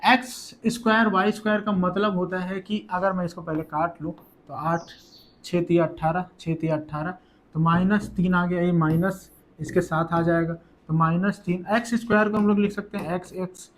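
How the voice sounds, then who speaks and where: A young man teaching school maths for exams in a quick, chatty way, repeating each step. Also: sits high, little pitch movement, a little hiss or hum. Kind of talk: exam-prep maths lesson.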